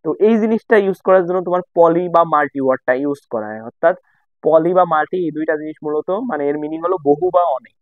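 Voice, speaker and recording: A man's voice: on the high side, fast, no room sound. A young man from Bangladesh teaching a casual lesson, repeating and rephrasing each point for his students. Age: young adult. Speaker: tutor. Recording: tinny phone-like dry sound.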